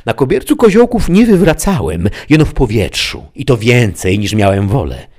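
A man's voice: medium pitch, big pitch swings, moderate pace, a little mellow. A man reading an audiobook aloud, voicing a crude, talkative peasant squire in a raised, folksy, complaining tone.

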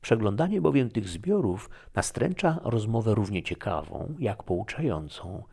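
A man reading aloud voicing a young noblewoman who guides a guest through a palace, earnest and pleading, with a husky, gravelly voice raised higher than his own. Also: big pitch swings, a little slow, warm tone, full character voice. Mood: explaining.

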